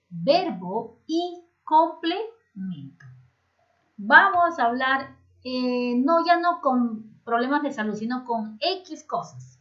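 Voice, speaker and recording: A woman teacher, explaining a grammar lesson to children slowly and patiently. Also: a little high, fairly bright tone. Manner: slow, patient explaining, switching between languages. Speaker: English teacher. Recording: slightly muffled lo-fi home recording.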